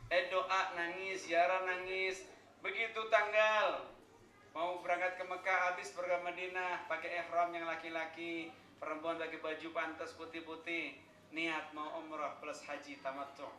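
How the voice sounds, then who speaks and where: A man preaches a joking, story-filled sermon in a bright, forceful voice pitched a little high. He drifts into slow chanted Arabic phrases now and then. The sound rings around an echoey venue. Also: little pitch movement, slight background noise. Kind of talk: humorous sermon at a thanksgiving gathering.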